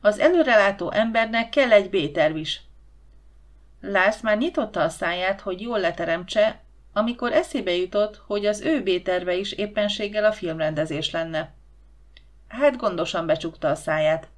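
Female audiobook narrator, lively storyteller, medium pitch. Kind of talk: scripted narration.

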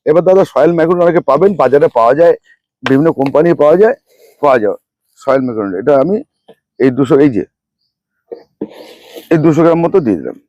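A man's voice: fairly high pitch, animated, rapid-fire, long pauses, darkish tone, dry recording, highs cut off. A middle-aged man, hosting a gardening channel, who walks through a fertilizer mix and names and repeats each ingredient and amount as he goes. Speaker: rooftop gardening channel host. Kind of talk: hands-on gardening demonstration.

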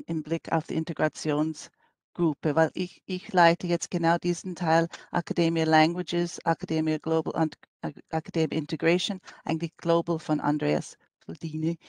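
A middle-aged American woman from New York City, a language school director, gives an online conference presentation in halting German. She speaks hesitantly with many fillers and non-native German phrasing, in a low voice with no room sound.

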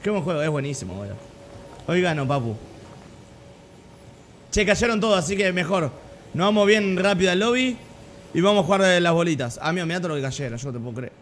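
A young Argentine man streaming a game live, chatting in slang, repeating himself and breaking into sudden loud outbursts. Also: high-pitched, lively intonation, a little fast, pauses often, a little hiss or hum. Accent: Argentine Spanish. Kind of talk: live gameplay streaming chat.

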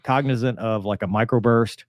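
A man in his forties, a former fighter and airline pilot, hosts and gives casual, conversational explanatory commentary full of pilot jargon. His mid-range voice moves at normal speed, recorded with studio quality and no room sound, from a small home room on a video call.

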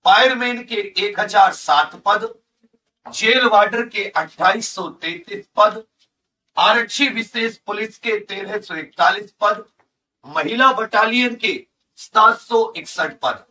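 An online coaching teacher gives an instructional lesson on job vacancy notices from an indoor teaching studio with a large digital board. He teaches emphatically, repeating key figures and points for his students, in a high, sharp voice at a slow pace. He sits far from the mic, and the recording is low quality.

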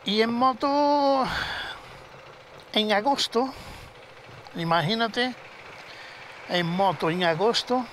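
A man's voice: high voice, slow, long pauses, poor audio. A man from southern Spain, chatting casually and telling a story with swearing while riding a motorbike at night, recorded on a helmet camera. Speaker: motovlogger. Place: outdoors on a motorcycle at night, city streets. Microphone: helmet-mounted action camera. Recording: loud street and engine noise. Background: traffic and city street noise.

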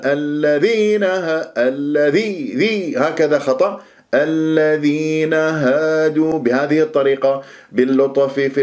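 A man gives a Quran recitation lesson at a medium pitch. He explains each rule in an everyday teaching voice, then slows right down to recite phrases with careful precision. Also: darkish tone.

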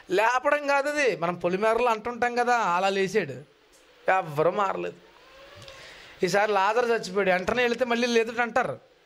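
A man preaching a sermon, retelling Bible stories in an animated way and acting out the voices he quotes. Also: high-pitched. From India.

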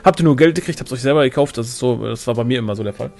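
A man's voice: medium pitch, racing, darkish tone. A man chatting playfully while gaming with friends, stumbling through half-remembered lines. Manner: playful, fumbling recitation. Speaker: let's play gamer. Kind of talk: casual gaming banter. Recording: voice chat with faint background music.

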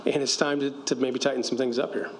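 A middle-aged man's mid-range voice, showing little pitch movement, comes through a desk microphone in a council chamber with a bit of background noise. As a county official in the debate, he's firm and quick-talking, laying out and defending an agreement.

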